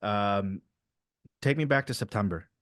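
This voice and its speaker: Easygoing Midwestern podcast host, low voice. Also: male voice, unhurried, very noisy. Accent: Midwestern American. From Wisconsin, United States. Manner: easygoing, loose questions with fillers. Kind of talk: casual interview chat.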